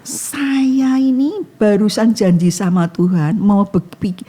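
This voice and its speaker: A woman's voice: medium pitch, fairly even intonation, slow pace, mellow. A woman giving an emotional testimony in casual talk, acting out her own prayers. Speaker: guest sharing a testimony.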